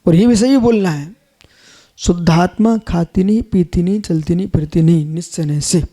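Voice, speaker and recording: A man's voice: high-pitched, normal speed, warm tone. A man, a Jain monk, giving a live sermon, emphatic, repeating phrases and questioning his listeners directly.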